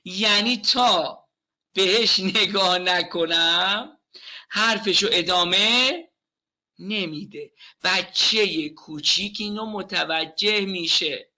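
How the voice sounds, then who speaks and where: Speaking straight to his class, a thirtysomething man leads a live communication-skills webinar with a lively, playful energy. His voice is high.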